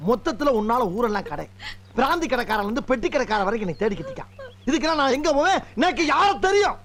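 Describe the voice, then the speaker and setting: An actor playing a brash, lovesick village rogue in a film comedy, ranting loudly and boastfully. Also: male voice, very high voice, big pitch swings, fast talker, exaggerated voice. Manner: loud, boastful, rambling comic rants. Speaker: comic lead in a film comedy scene.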